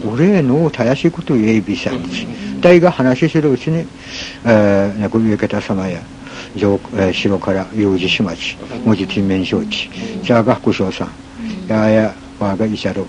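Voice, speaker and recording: Male storyteller, Okinawan accent, fairly low voice, halting delivery full of fillers; noisy recording with background hiss. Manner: halting, with many pauses and fillers. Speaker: folk storyteller. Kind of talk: telling a folk tale.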